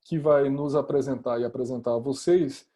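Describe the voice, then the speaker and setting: Man, course coordinator, very dark husky voice, earnest explainer, video call mic. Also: medium pitch, fairly even intonation, normal speed. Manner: earnest, repeats for emphasis. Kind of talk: explaining in an online meeting.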